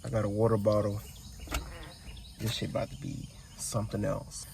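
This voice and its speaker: A man's voice: fairly low pitch, monotone, moderate pace, vocal fry, a little mellow, a little hiss or hum. A man with a groggy morning voice telling a long story in a casual, rambling vlog, full of restarts and asides. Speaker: vlogger.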